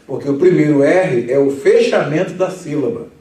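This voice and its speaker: A man, a pastor leading a Bible study lesson, who explains patiently, reads scripture slowly and with emphasis, and chuckles often. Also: fairly high pitch, animated, mellow. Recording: echoey room, mic at a distance.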